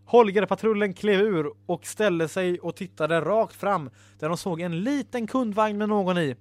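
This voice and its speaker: A man's voice: sits high, no room sound. A man reading a story he wrote aloud, laughing now and then at his own lines.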